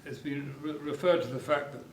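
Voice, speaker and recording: Speaking fairly quickly in a fairly high, steady voice, the club chairman, an older man, offers an informal welcome that rambles a bit and stumbles over repeated words. He's in an echoey hotel meeting room, captured on a distant mic with faint background noise and an echoey sound.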